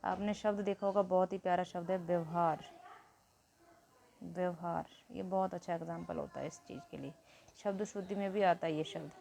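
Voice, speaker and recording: A woman's voice: fairly low pitch, steady tone, normal speed, creaky, warm tone, slight background noise. A woman teaching a Hindi grammar lesson, explaining step by step and asking questions she answers herself.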